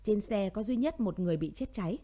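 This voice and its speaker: A woman narrates a melodramatic story in a steady, dramatic reading voice. Her tone is warm and mellow, pitched in an ordinary middle range. It sounds like a scripted audiobook. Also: fast talker.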